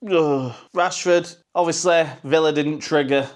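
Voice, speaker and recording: A man's voice: on the high side, fairly even intonation, a little slow. A man hosting a football fan channel, ranting bluntly and crudely with a mocking edge and laughing at his own jokes. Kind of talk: profane, ranting casual commentary.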